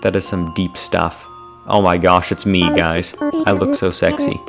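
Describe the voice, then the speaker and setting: A man chats casually through his gameplay, rambling with lots of ums and talking straight to his viewers. His voice sits very low, and loud game music plays underneath. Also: flat delivery, measured pace, creaky. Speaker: gameplay vlogger.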